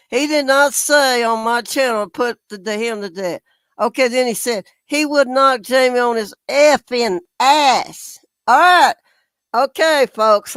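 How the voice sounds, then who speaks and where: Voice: mid-range voice, a bit bright, clean tone, no room sound. A YouTube commentator talking casually and indignantly to viewers, reading out comments and calling them ridiculous. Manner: indignant, exasperated, repeatedly addresses viewers as folks.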